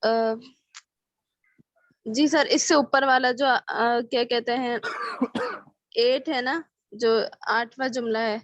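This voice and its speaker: A woman's voice: a little high, pauses often, dry recording. A woman student asking her teacher a grammar question on an online class, hesitant and mixing in English words. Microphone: online call. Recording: muffled call audio.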